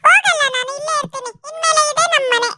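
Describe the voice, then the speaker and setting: A woman voicing her cheeky, sulky male pet dog in a whiny, childlike squeak with a rural Karnataka Kannada accent. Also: quick pace, very noisy.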